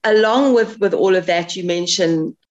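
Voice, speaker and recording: A woman's voice: fairly low pitch, moderate pace, highs cut off. Earnest woman interviewing an author. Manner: earnest, thoughtful questioning with restarts. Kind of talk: book interview conversation.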